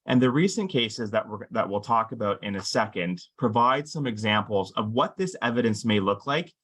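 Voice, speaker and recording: A man gives a legal presentation to employers, explaining each point steadily and stressing key words. His voice sits fairly low, and "um" fillers come often as he walks through the material. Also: lively intonation, moderate pace, fairly bright tone, slightly rough. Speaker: employment lawyer presenting a webinar.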